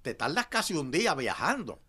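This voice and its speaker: Puerto rican guy hosting a comedy talk show, lively up-and-down voice, bright tone, jokey and loud. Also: a little high, fairly quick, husky. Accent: Puerto Rican Spanish. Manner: animated, joking, exclamatory. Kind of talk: comedic casual chat.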